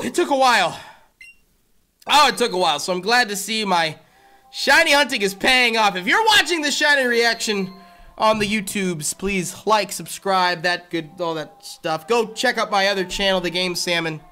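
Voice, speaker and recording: A man streaming a game, chatting excitedly and swinging between loud hype shouts and quiet mumbling. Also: high voice, moderate pace. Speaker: gaming streamer. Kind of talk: live-stream gameplay commentary.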